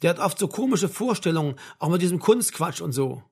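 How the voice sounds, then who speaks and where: A man's voice: fairly high pitch, very animated, brisk, vocal fry, slightly rough, heavily acted. A man reading a novel aloud, voicing a tired, blunt middle-aged mother who scolds her grown son. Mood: tired, tender. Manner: scolding, tired, sharp-tongued. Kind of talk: audiobook character voice.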